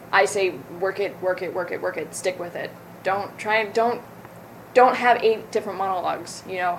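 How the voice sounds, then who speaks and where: A woman's voice: mid-range voice, poor audio. Young woman, Southern accent, actor, casual interview, chatty, self-correcting, faint background hiss. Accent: Southern American. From American South. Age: young adult.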